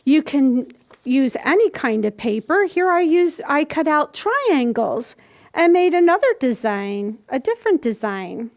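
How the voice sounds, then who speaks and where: Very animated yet measured in pace, a high-voiced woman in her sixties runs a children's library storytime, showing and telling young children what to do in simple steps. The camera sits a few feet away in a small plain room indoors.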